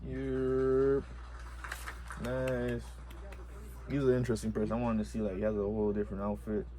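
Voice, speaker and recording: A man hosts a reaction video, giving relaxed commentary as he thinks aloud. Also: mid-range voice, moderate pace, a little hiss or hum.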